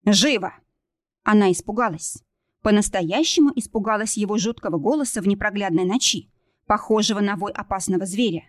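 A woman's voice: medium pitch, fairly quick, dry recording, clean studio sound. A woman reading a novel aloud as narrator, in a tense, dramatic storytelling manner. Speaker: audiobook narrator.

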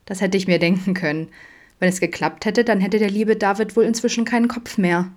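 A woman's voice: mid-range voice, steady tone, a little fast, pitched above the performer's own voice, natural voice. A woman voicing Vincent, a friendly, open young man with a playful, teasing way of talking, in an audiobook.

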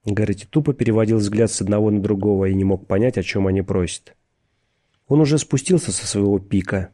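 A man narrates a thriller audiobook in a measured, steady way. His voice is low and gravelly, with a dark, mellow tone.

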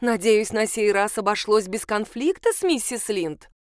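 A woman's voice: medium pitch, expressive, normal speed, dry recording, studio quality, close to an everyday voice. A woman voicing a stern older woman guardian who talks in a blunt, demanding way.

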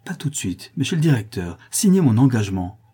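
A man's voice: medium pitch, big pitch swings, fairly quick, mellow, slightly rough. A man reading aloud and voicing a temperamental young woman singer who coaxes and flares up in indignation. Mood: indignant. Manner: coaxing then indignant.

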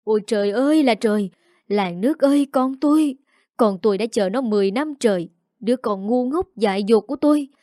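A woman voicing a grieving older village mother who wails in shrill outbursts. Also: fairly quick, a little mellow, no echo, clean studio sound, lightly acted. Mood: wailing.

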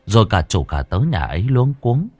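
A man's voice: on the low side, very animated, moderate pace, a little mellow, husky, no room sound, soft background music. A man narrating a dramatic audiobook story.

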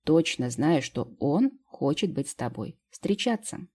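A woman's voice: low voice, very animated, measured pace, mellow, slightly rough, full character voice. A woman voicing a confident young fairy sister who bosses and teases in an audiobook. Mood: bossy teasing. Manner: bossy, teasing, emphatic. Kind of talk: audiobook character reading.

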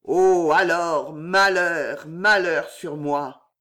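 A man's voice: high voice, expressive, moderate pace, fairly bright tone. A man voicing an anguished noble father, growling out his worry.

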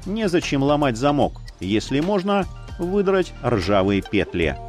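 A man reading an audiobook aloud in a dramatic, expressive manner. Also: mid-range voice, a little slow, soft background music. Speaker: audiobook narrator. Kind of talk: scripted audiobook narration.

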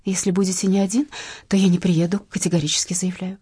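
A woman's voice: fairly low pitch, level tone, fast talker, mellow, breathy edge, no room sound, studio quality, voice pushed up. A blunt, defiant young heroine, as a woman reads her. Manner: blunt, rude, irritable. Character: young red-haired heroine, sharp-tongued and defiant. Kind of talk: audiobook narration.

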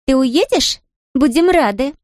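A woman reader voicing a bratty, defiant young girl in an audiobook, shrill and scornful. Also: expressive, measured pace, a little mellow, dry recording, studio quality.

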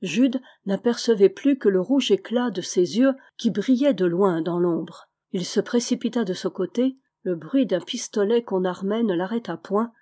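A woman narrating an adventure novel as an audiobook, steady and clear. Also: mid-range voice, normal speed, hardly any pauses. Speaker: audiobook reader. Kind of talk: scripted narration.

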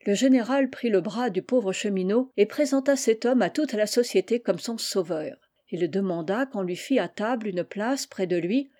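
A woman reading a classic children's novel aloud in a measured audiobook narration. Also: medium pitch, mellow. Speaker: reader.

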